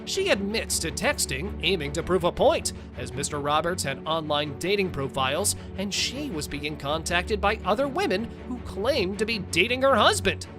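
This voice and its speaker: Recap narrator, scripted delivery, clear music bed. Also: mid-range voice, expressive, moderate pace, few pauses.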